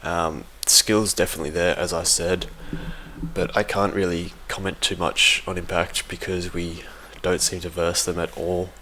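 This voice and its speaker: At a moderate pace, a man from a competitive gaming team shares his views in an unscripted audio log. The voice is low and fairly monotone, with a bright, forward quality, and his delivery is informal, hesitant and self-correcting. Some background noise can be heard.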